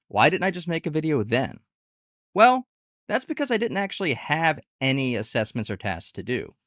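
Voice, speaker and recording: A video host reviews online gig work platforms in a casual, candid conversational tutorial, tossing out rhetorical questions. His voice is medium-pitched with a fairly bright tone, captured as a dry, clean studio recording.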